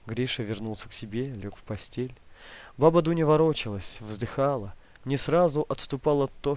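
A man narrating literary prose in a calm, measured audiobook reading. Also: medium pitch.

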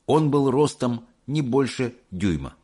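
A man narrating an audiobook in an expressive, measured reading. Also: medium pitch, slightly rough. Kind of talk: scripted narration.

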